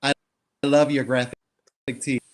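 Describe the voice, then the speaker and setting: A man's voice: medium pitch, little pitch movement, a little slow, no echo, studio quality. A man speaking as a guest on a live show over a remote computer voice call that keeps breaking up. He talks in a laid-back, familiar way. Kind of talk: casual chat.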